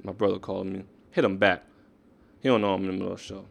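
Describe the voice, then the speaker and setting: Gravelly-voiced man ranting profanely. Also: low-pitched, little pitch movement, racing, faint music behind. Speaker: podcast host. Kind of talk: casual sports rant.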